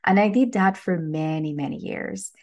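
A woman's voice: on the low side, moderate pace, darkish tone. A woman from Venezuela, hosting a podcast and telling her personal story in an earnest, heartfelt way. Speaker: podcast host.

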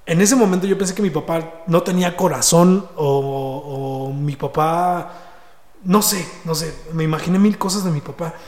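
A man's voice: a little high, moderate pace, darkish tone. A man with a Mexico City accent telling a personal story in casual, slangy speech, often repeating and restarting words. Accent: Mexico City Spanish. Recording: echoey room with long reverb.

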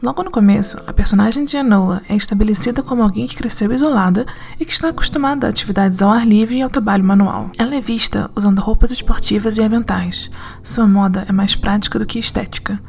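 A woman narrating a scripted essay in an analytical, conversational way with lively asides. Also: mid-range voice, fast, gravelly. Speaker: narrator and writer.

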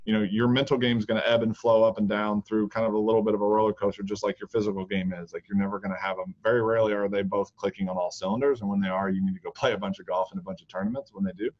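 A man's voice: fairly low pitch, little pitch movement, very fast, hardly any pauses, darkish tone. A man in his thirties, a golf coach co-hosting a podcast, chatting casually with lots of restarts. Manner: rambling, frequent restarts and fillers. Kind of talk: casual chat. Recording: dull lo-fi podcast audio.

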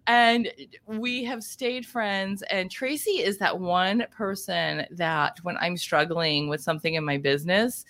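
A woman's voice: fairly low pitch, measured pace, a bit bright. A woman from Ohio hosting a podcast interview, upbeat and conversational, laughing often with her guest. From Ohio, USA. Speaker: podcast host.

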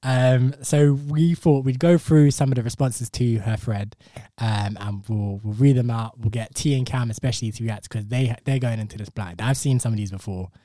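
A man's voice: medium pitch, steady tone, normal speed, few pauses, dark tone, no echo. A man with a London accent and urban roadman slang, hosting a casual podcast chat. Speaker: podcast host.

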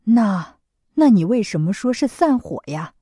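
A woman voicing a gentle, anxious monk in a children's storybook audio, lower and softer than her narration. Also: very animated, unhurried, breathy edge, no room sound, clean studio sound.

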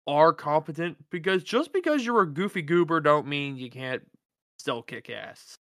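Halting man with a lively voice. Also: on the high side, no echo, studio quality. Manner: halting, restarts a lot. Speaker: podcast co-host. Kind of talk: casual chat.

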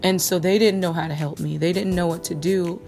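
A young woman hosting a personal faith podcast, telling her own story in a candid, animated way. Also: on the low side, brisk, gravelly, faint music behind. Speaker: podcast host.

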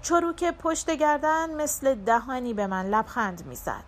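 A high-voiced woman narrates a literary short story as an audiobook, reading in a measured, dramatic first-person style.

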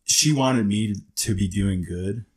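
Young New man, deep and husky, rambling casual storyteller, swears a lot. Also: slow pace. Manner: rambling, heavy use of "like" and profanity. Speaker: guest in recovery.

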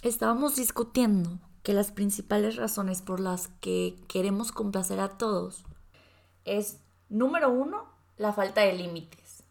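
Her voice is medium-pitched, creaky, and darkish, measured in pace, captured with a roomy sound. As a podcast co-host from Sonora with a northern Mexican accent, she tells lively stories in casual chat and advice, mimicking the voices of others.

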